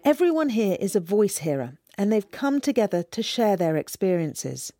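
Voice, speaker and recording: A woman reporter giving scripted documentary narration in a measured, storytelling manner. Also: medium pitch, very animated, dark tone, dry recording.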